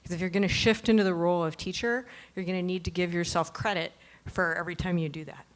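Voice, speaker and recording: A woman co-leading a workshop, giving slow, measured advice to founders. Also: fairly low pitch, fairly even intonation. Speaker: workshop co-leader.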